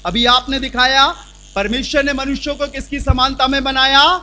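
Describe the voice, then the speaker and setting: High-voiced man preaching loudly in church. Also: fairly even intonation, moderate pace. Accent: Hindi. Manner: loud call-and-response preaching. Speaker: pastor. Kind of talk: interactive Bible teaching. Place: church hall. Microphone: handheld mic.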